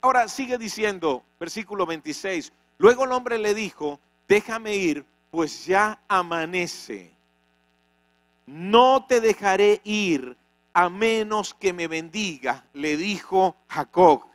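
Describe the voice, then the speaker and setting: A pastor preaching a sermon, dramatic, with many rhetorical questions. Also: male voice, high-pitched, lively intonation, takes it slowly, dry recording. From Venezuela. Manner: dramatic, rhetorical questions, acts out quoted voices. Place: church.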